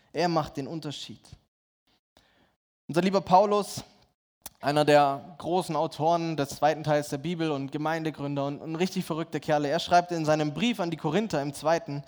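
A man's voice: a little high, steady tone, normal speed, a little mellow. A middle-aged man from Germany preaching a sermon, telling stories and acting out conversations with God. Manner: storytelling, acts out dialogue with God in shifting voices. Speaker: pastor.

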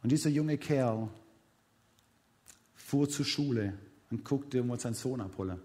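A man's voice: medium pitch, measured pace, darkish tone. A man preaching a sermon, retelling a story dramatically with repeated counting and speaking directly to his congregation.

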